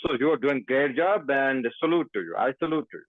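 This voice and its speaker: A man from Pakistan with a Pakistani English accent, a guest journalist talking haltingly with many fillers over a remote call. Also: medium pitch, lively intonation, no echo. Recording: tinny dry phone-like line.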